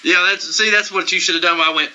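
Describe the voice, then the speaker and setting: A man's voice: high voice, steady tone, quick pace, pushed and bright, slight background noise, poor audio. A man co-hosting a casual show, joking crudely and laughing often as he comments on a film trailer. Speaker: podcast co-host.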